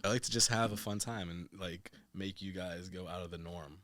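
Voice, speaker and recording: A man's voice: low voice, normal speed, a bit bright, dry recording. A man as a podcast guest, chatting casually, laid-back, laughing often and swearing now and then. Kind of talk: casual chat.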